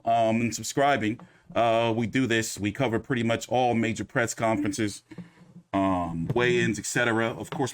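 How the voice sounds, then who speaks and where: A man hosting a loose, rambling recap of a boxing press conference, cursing casually as he talks. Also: medium pitch. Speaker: boxing commentary host.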